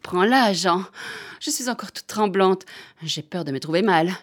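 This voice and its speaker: A woman's voice: mid-range voice, animated, normal speed, natural voice. A woman playing a gushing, flustered society lady. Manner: breathless, theatrical, gushing. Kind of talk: radio drama acting.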